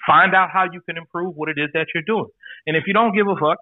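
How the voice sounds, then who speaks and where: A man in his forties, a podcast guest, chats in a laid-back, candid, profane way. His voice sits high and moves fast, heard over a dry, tinny, phone-like line with no echo.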